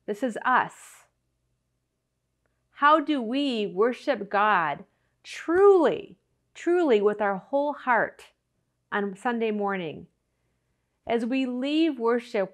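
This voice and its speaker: A woman giving an earnest Good Friday reflection and reading scripture at a church service. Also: fairly high pitch. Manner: slow, earnest, expressive delivery. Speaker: church speaker.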